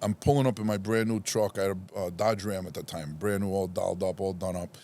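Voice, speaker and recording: A man from Rhode Island, a podcast guest, casually telling a long personal story in an animated, self-deprecating way and acting out the voices of the people in it. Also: low voice, fast talker. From Rhode Island, USA.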